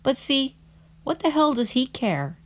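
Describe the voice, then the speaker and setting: A woman's voice: sits high, very animated, a little slow, fairly bright tone, no room sound. A woman hosting a channel, giving critical commentary in a blunt, indignant way. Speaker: channel host.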